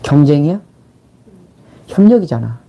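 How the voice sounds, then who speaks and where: A man's voice: on the high side, sing-song, measured pace, vocal fry, warm tone. A middle-aged man giving a casual lecture in blunt informal speech, firing rhetorical questions at his listener. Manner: acts out little quoted exchanges mid-talk. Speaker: channel host, life and money mentor.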